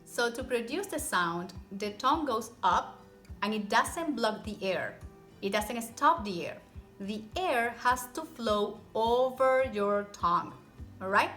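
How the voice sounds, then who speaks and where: Female language teacher, bright and slow-paced, encouraging, demonstrates rolled r sounds in example words. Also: fairly high pitch, lively intonation, soft background music. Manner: encouraging, step-by-step, repeats example words slowly. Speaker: Spanish pronunciation teacher. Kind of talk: instructional language lesson to camera.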